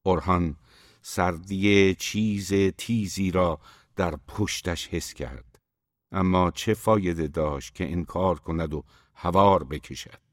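A man reading a novel aloud as its narrator, in a measured, steady way. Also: sits low, dry recording, clean studio sound. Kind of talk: audiobook narration.

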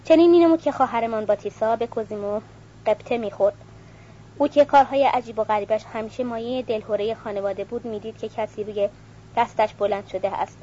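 A woman's voice: fairly high pitch, dark tone, dull audio. A woman reading a novel aloud, voicing the dialogue herself and reading out the page numbers. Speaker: audiobook reader.

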